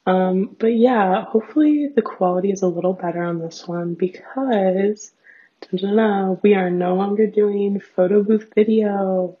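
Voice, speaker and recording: Young woman with raspy vocal fry. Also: mid-range voice, unhurried. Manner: rambling, self-deprecating, filler-heavy with frequent "like". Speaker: host of a personal audio diary. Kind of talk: casual chatty solo diary. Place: small bathroom at home, sitting on floor. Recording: dull, lo-fi home recording.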